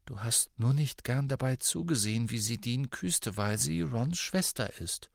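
A troubled teenage wizard boy, read by a man in an audiobook, talking quietly to himself. The voice stays near the reader's own, soft and hushed. The recording is dry. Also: mid-range voice, lively intonation, a little slow, creaky, no echo. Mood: subdued.

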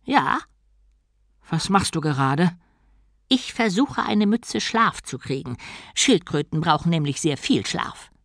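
A man's voice: fairly high pitch, big pitch swings, slow pace, fairly bright tone, no room sound, studio quality, voice pushed up, exaggerated voice. A man voicing a drowsy, smug male turtle god with a matter-of-fact manner in an audiobook.

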